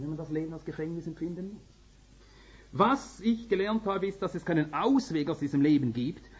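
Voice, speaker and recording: Preaching with earnest emphasis that rises to urgent peaks, this middle-aged or older man from Finland speaks in a high voice with a darkish tone. He is a native Swedish speaker with a Swedish-speaking Finnish accent, and the recording is slightly dull and lo-fi.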